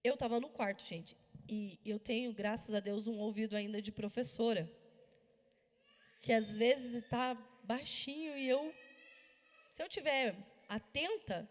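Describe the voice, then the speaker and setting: A Brazilian woman preaches in a lively, storytelling way, breaking into sudden loud bursts. Her voice sits a little high for a woman. It rings out with a long reverb, as in a church hall. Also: measured pace. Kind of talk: sermon.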